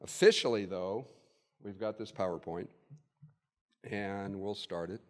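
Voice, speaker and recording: A man in his sixties delivers a conversational keynote from a podium mic in a hotel conference room before an audience, his low voice a little slow. He thinks aloud with fillers, and the hall adds long reverb.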